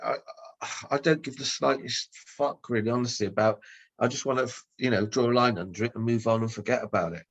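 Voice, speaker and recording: A man's voice: mid-range voice, a little fast, muffled recording. A man talking casually on a podcast, airing a grievance in a blunt, rambling way with heavy swearing.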